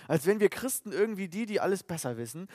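A man preaching a sermon in German, earnest and emphatic, sometimes breaking into loud outbursts. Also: high-pitched, sing-song, fast talker, no echo, studio quality. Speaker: pastor.

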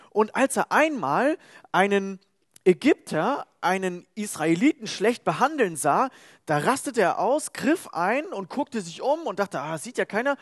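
A man preaching a casual sermon, retelling a Bible story in lively, colloquial words and briefly acting out the quoted voices. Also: sits high, no room sound, clean studio sound.

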